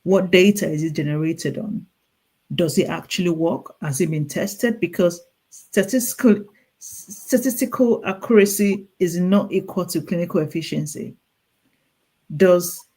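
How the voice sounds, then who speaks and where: Appearing as a guest, a Nigerian-accented woman who works as a clinical nurse specialist gives earnest, urging explanations marked by many restarts and repetitions. She speaks at a moderate pace in a fairly low, mellow voice, and the recording is rough.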